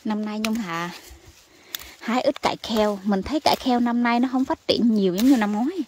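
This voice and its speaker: A woman from Vietnam, chatting excitedly to her viewers as she picks vegetables in her home garden outdoors. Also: fairly high pitch, normal speed, slight background noise. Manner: chatty and exclamatory, calls viewers family. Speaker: gardening vlogger. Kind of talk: casual chat to viewers while harvesting.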